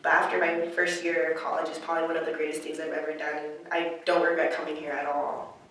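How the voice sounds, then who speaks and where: With a low, fairly bright voice that moves little in pitch, a young woman at college whose first language is Chinese answers interview questions quickly, reflective and casual with plenty of "like" fillers. The mic is distant in an echoey room, with slight background noise.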